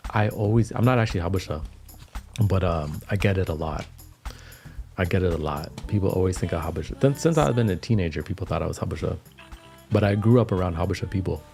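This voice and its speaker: Male stream host, very deep and gravelly, relaxed and slangy. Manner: laid-back, slangy, chatty. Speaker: livestream music host. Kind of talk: casual livestream chat over music. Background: music playing.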